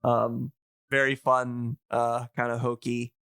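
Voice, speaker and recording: This podcast host's voice is bright, smooth, and medium-pitched, but his delivery is completely flat and slow. He still explains things like a wandering, nerdy enthusiast on a casual show. The recording is very dry, with no room around him.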